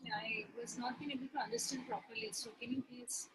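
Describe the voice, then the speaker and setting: High, soft-spoken woman asking questions. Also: fairly even intonation, fairly quick, slightly rough, poor audio. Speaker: class participant asking questions.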